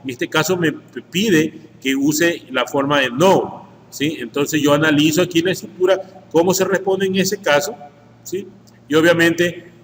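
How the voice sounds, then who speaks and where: A man with an Ecuadorian Spanish accent teaching an English grammar lesson, working through each example step by step and checking in with "¿sí?" after nearly every sentence. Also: on the high side. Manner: explains step by step, tags sentences with "¿sí?". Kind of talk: screen-share grammar lesson. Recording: echoey room with faint background noise.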